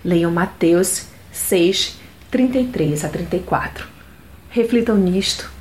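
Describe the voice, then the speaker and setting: A woman giving a scripted devotional message to women, reading slowly and measuredly with pauses. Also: fairly low pitch, darkish tone, slight background noise. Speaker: devotional speaker.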